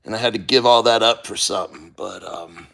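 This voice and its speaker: A man chatting casually on a livestream, blunt and sweary, with halting, strained delivery and throat-clearing as he endures cold. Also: lowish voice, sharp tone. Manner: halting, sighing, throat-clearing while enduring icy water. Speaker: livestreamer reading viewer comments.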